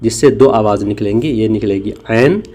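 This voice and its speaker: A man's voice: mid-range voice, expressive, normal speed, dark tone. A man teaching a language lesson, explaining patiently and demonstrating sounds. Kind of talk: spoken lesson.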